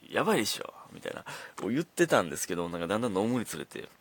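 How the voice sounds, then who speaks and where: Laid-back Kansai man, lively low voice. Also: racing. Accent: Kansai Japanese. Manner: laid-back, rambling storytelling. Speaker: comedian podcast host. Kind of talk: casual solo talk show.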